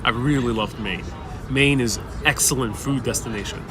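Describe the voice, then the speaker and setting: With a mid-range voice and normal speed, a young man whose native language is Spanish chats casually on a livestream, reading out questions from viewers and rambling warmly. He's outdoors on a busy city street wearing a wireless clip-on mic, and crowd chatter and traffic come through clearly.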